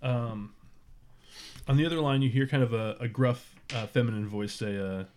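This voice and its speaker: Man narrating as a relaxed game master. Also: medium pitch, moderate pace. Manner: relaxed, loose, many fillers. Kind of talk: narrating a tabletop role-playing game.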